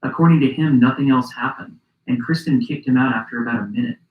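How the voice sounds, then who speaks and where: Measured male documentary narrator. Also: mid-range voice, roomy sound, lo-fi sound. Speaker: podcast host and narrator.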